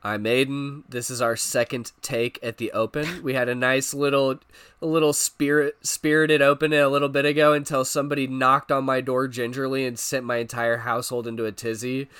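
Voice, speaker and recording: A man's voice: mid-range voice, flat delivery, a little fast, fairly bright tone, clear, resonant tone. A young man co-hosting a podcast in casual chat, his voice nasal and congested from a cold, joking with crude banter. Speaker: podcast co-host.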